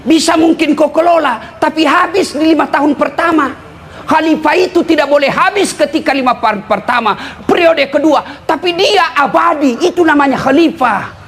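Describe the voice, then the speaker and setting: A man from eastern Indonesia with a lilt, preaching a humorous sermon to a live audience, teasing and often shouting and laughing. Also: very high-pitched, normal speed, a little hiss or hum. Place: live event before an audience.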